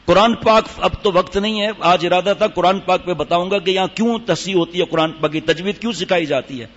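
A man's voice: sits high, fairly bright tone. An older man giving a sermon to a gathering, telling stories and demonstrating recitation. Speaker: religious teacher. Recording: dull hall reverb.

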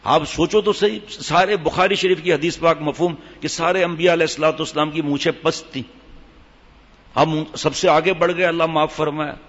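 A man's voice: a little high, fairly bright tone, dull audio. Scolding man preaching in a reverberant hall. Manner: scolding, emphatic, with slow recited Arabic verses. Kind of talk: sermon.

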